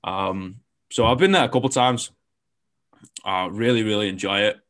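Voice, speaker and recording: A young man, not from New Zealand, hosts a relaxed interview podcast in a lowish, fairly bright voice at a moderate pace. He's candid and meandering, leaning on fillers and swearing once in a while.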